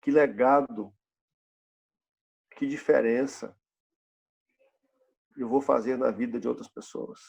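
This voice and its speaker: Husky fifty-something pastor preaching in church, gravelly voice, lots of rhetorical questions. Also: male voice, mid-range voice, steady tone, takes it slowly, long pauses, a little mellow, lo-fi sound. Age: 50s. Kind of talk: sermon.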